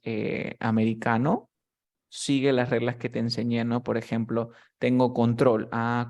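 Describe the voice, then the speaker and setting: In a one-on-one grammar lesson, a young English teacher with a mid-pitched voice walks through each rule step by step. He stays patient and steady, often stopping to check that his student understands.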